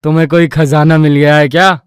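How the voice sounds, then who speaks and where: A man's voice: on the high side, little pitch movement, fairly quick, clean tone, dry recording, studio quality, lightly acted. A man voicing a teasing young husband in a cartoon, bemused.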